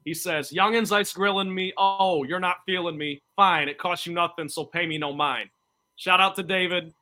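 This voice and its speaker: A man's voice: high-pitched, fairly even intonation, moderate pace, pushed and bright. A young man co-hosting a casual sports podcast, talking in a playful, joking way. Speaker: podcast co-host.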